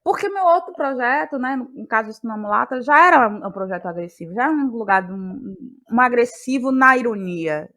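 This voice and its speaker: Expressive and a little fast, with a fairly high pitch and fairly bright tone, a woman from Bahia, Brazil, reflects on making her work. She is a playwright and actress being interviewed, and she searches for words, repeating them as her thoughts develop.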